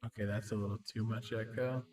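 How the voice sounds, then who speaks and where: A man in casual in-game voice chat, mumbling softly with an echo effect on his voice. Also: fairly low pitch, steady tone, fairly quick, music in the background. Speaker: roleplayer in a game.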